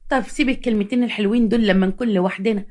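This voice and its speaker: A woman's voice: medium pitch, rapid-fire, a little mellow, lightly acted. A woman with an Egyptian accent voicing a naive, trusting young housewife who talks sweetly. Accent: Egyptian Arabic.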